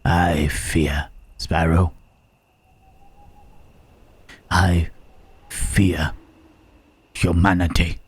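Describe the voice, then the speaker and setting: A man playing a gentle, brooding, melancholy monster in an ASMR roleplay, with halting, solemn, formal speech and a breathy voice. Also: little pitch movement, dry recording, heavily acted. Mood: brooding, wistful. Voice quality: husky, breathy, deep.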